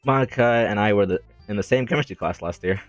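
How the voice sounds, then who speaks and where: A young let's-play gamer with a lowish voice reads a visual novel aloud into a desk mic at a fast pace. He adds rambling, self-deprecating remarks and giggles often, on a dry recording with faint music behind him.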